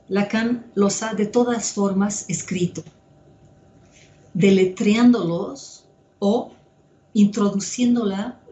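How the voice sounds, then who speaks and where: Slow-speaking woman lecturer, echoey room. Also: medium pitch, dark tone. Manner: measured, explains step by step with fillers. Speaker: psychoanalyst lecturer.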